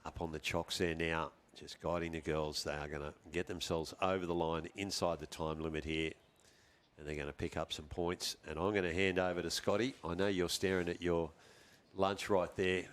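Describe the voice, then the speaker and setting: A man's voice: low voice, flat delivery, moderate pace, a bit bright. Laid-back Australian male commentator. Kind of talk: live sports commentary.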